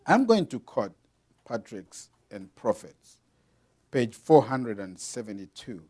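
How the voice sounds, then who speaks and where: A man from Zambia preaching a sermon, explaining patiently to the congregation and reading aloud with dramatic swings in loudness. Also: mid-range voice, sing-song, takes it slowly.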